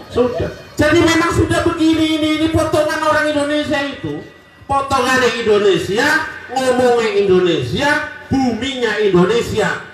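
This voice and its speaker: A high-voiced man with a Javanese accent delivers a lively sermon, shifting from soft, low asides to loud, emphatic calls. He sounds far from the mic, and a strong echo rings around him in a large hall. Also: background noise. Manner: lively, joking, shifts between loud and quiet. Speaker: preacher. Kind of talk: religious sermon to a crowd. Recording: echoey from far off.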